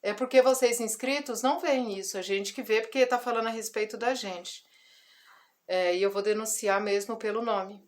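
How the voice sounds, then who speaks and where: A woman's voice: a little high, steady tone, moderate pace. A woman in her forties gives a personal testimony in a casual vlog, telling a story with emotion and acting out the dialogue. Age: 40s. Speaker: ministry vlogger.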